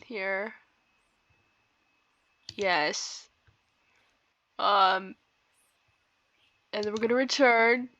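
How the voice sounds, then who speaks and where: A woman with a medium-pitched voice, pushed and bright, draws out her words and takes long pauses while hosting a let's play. Her commentary is casual, giggly, and chatty, with informal asides and some narration read from the game. There's no echo, though the lo-fi mic sounds dull and game music plays behind.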